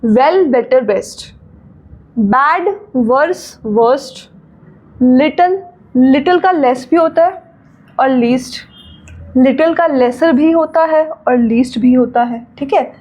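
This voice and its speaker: An Indian woman teaching grammar, reading rules slowly in English, then explaining in Hindi and asking checking questions. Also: high voice, a little mellow, rough recording.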